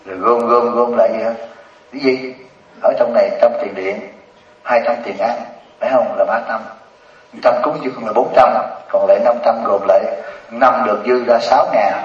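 A man in his 70s, a Buddhist monk, jokes and teases his listeners while telling stories in a dharma talk. He speaks at normal speed in a medium-pitched, steady voice, captured in a distant, echoey, dull lo-fi hall recording with audience laughter behind him.

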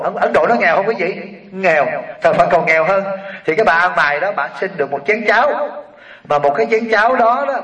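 A man with a Southern Vietnamese accent telling a Buddhist story as a sermon, animated and addressing the audience directly. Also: fairly high pitch. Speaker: Buddhist preacher. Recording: roomy hall, distant mic, dull sound.

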